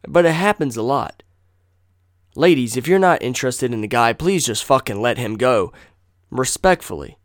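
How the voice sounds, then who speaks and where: A man's voice: medium pitch, lively intonation, normal speed, dry recording, clean studio sound. Man, casual vlog rant, heated and blunt, constant swearing, repeats himself, resonant voice. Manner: repeats phrases for emphasis. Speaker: vlogger.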